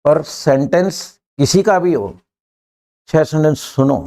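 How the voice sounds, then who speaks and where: An older man teaching an English class in a classroom, brisk and joking, pushing students to answer quickly. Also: fairly high pitch, warm tone.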